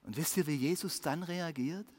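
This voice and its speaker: A preacher telling a Bible story to children in a sermon, with vivid swings between hushed and lively delivery. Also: medium pitch, normal speed, in a large hall.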